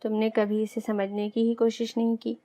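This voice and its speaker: A woman voicing a young man's inner heart, which questions him and gently reproaches him. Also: on the high side, monotone, close to an everyday voice. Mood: probing.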